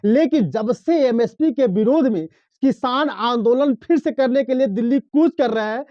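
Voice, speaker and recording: A man's voice: extremely high pitch, moderate pace, no echo, muffled recording. A man presenting explanatory news commentary, emphatic and rhetorical, addressing listeners directly.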